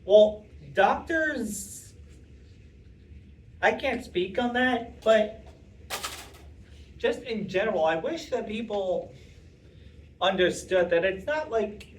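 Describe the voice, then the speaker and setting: Chatty young man, slightly high voice. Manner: chatty, rambling, self-interrupting with fillers. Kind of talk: casual talk answering audience questions. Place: meeting room with audience. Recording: distant voice with faint room noise.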